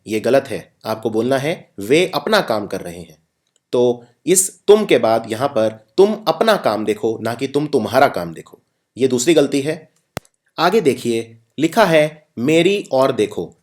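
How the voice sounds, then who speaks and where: Male teacher, mid pitch, patient classroom explainer. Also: darkish tone. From northwest India. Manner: explains patiently, reads example sentences slowly. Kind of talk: grammar lesson.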